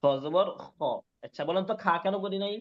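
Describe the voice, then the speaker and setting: A man teaching Quran reading in an online class, patiently spelling out syllables slowly and repeating each word. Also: sits high, fairly even intonation, muffled recording. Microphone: online class call mic.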